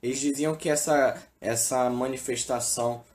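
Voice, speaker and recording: Male teacher, Brazilian accent, mid-pitched, casual delivery with frequent fillers. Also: steady tone, normal speed, a little mellow. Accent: Brazilian Portuguese. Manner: casual, fills with "né" and "é". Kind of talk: informal recorded lesson.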